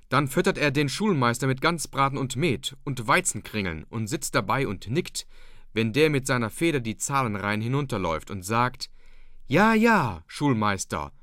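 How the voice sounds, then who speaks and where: A man voicing a stern, gruff old farmer who talks down to his son, in a lively reading. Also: medium pitch, dry recording, clean studio sound.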